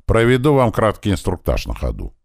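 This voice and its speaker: A man voicing a brash male gang leader who barks loud, drawn-out orders in an audiobook. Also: on the low side, wildly swooping pitch, gravelly, slightly rough, dry recording, clean studio sound, voice pushed up, exaggerated voice. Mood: commanding.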